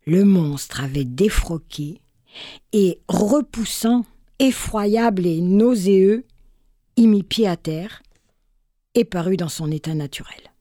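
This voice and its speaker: A woman reading a literary fairy tale aloud with measured, expressive narration. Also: mid-range voice, dry recording, clean studio sound. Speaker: storyteller.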